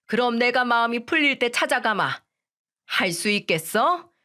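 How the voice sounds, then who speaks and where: A woman voicing a strict middle-aged mother-in-law who scolds and gives orders in a firm, fairly high voice. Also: lively intonation, moderate pace, pushed and bright. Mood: stern. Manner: stern, scolding.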